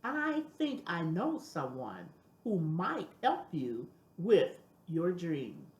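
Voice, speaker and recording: An older woman voicing a dignified, encouraging gentleman doctor in a storybook, courteous and measured. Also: fairly low pitch, huge pitch swings, reverberant, highs cut off, heavily acted. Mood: kindly, encouraging.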